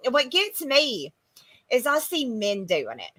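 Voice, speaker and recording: A woman comic creator in casual podcast chat, blunt and profane, talking with animated emphasis. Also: sits high, slow pace, husky.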